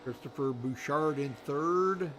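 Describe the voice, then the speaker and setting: A man's voice: fairly high pitch, measured pace, noisy background. A man doing live race commentary in a rambling, folksy way, full of fillers. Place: commentary booth at a racetrack.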